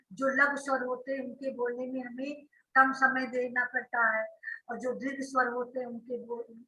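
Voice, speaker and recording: A woman's voice: high voice, bright, forceful tone, roomy sound, low-quality recording. A woman schoolteacher giving an online grammar class, explaining step by step and often checking that her students follow. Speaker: school teacher.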